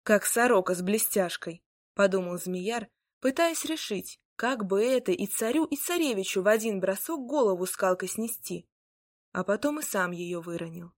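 A woman storyteller giving an expressive, dramatic fairy-tale reading. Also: mid-range voice, normal speed, no echo.

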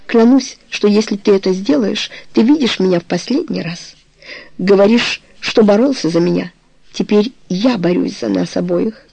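A woman reading the lines of an eighteen-year-old girl in love, pleading one moment and teasing the next, in a husky, creaky voice. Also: mid-range voice, normal speed, mellow, low-quality recording. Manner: pleading, then teasing and light. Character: passionate young woman, eighteen, playful lover.

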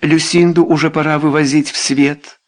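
A man reading an audiobook, voicing a high-strung, reproachful aristocratic mother in a raised voice. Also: level tone, moderate pace, lightly acted. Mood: alarmed.

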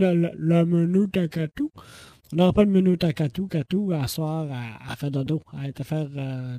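A man with a Quebec French accent hosts a loose podcast monologue into a microphone. His voice sits a little high with a dark, mellow tone, and the recording is dry. He rambles, hesitates with fillers and swears casually. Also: no echo. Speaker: podcast host.

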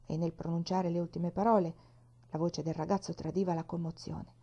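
A woman reading a children's novel aloud in a calm, measured storytelling voice. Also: lowish voice, highs cut off. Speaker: reader.

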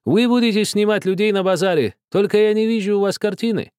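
Man putting on a shrill, excitable young woman. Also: quick pace, clean tone, dry recording, clean studio sound, close to an everyday voice. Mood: excited. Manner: shouting, exclamatory. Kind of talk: audiobook character voice.

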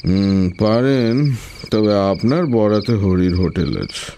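A man voicing a drowsy, eccentric male station master who drawls his words slowly and offhandedly. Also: lowish voice, lively intonation, warm tone, slight background noise. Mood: drawling.

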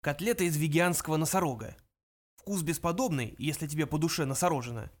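A man's voice: on the high side, fairly quick, lightly acted. A man voicing a breezy, cocky male adventurer talking with his mouth full of food.

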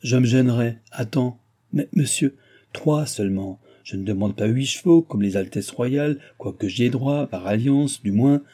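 An arrogant, quick-tempered young nobleman, as a man reads him, barks his orders in a raised, imperious voice. The tone stays dark and husky under the lifted pitch. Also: close to an everyday voice.

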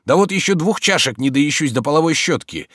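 A man's voice: fairly high pitch, lively intonation, fairly quick, fairly bright tone, breathy edge, no room sound, voice pushed up. A man reading an audiobook, voicing a stubborn, sly old male servant who grumbles with dry irony. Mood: grumbling. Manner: grumbling, ironic.

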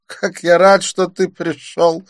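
A man's voice: sits high, flat delivery, no room sound, clean studio sound, pitched above the performer's own voice. A man doing an affected French dandy. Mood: theatrical, languid. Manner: exclamatory and affected, drawn-out phrases. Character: theatrical, world-weary flamboyant French man.

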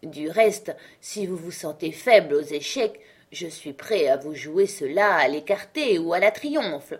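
A woman's voice: fairly low pitch, animated, measured pace, slightly rough. A woman reading the part of a witty, mocking uncle, ironic and emphatic, in an audiobook. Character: witty, mocking uncle who fights a duel.

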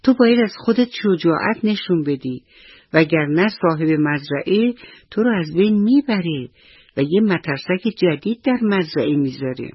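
A man's voice: on the high side, animated, breathy edge, no echo, dull audio. A man doing a wise, reassuring farm rooster. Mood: encouraging.

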